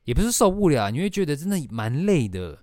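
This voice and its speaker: A man's voice: on the high side, big pitch swings, quick pace, warm tone, no room sound, studio quality. A young man with a Taiwanese Mandarin accent, hosting a casual podcast and telling a rambling story with casual swearing. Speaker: podcast host.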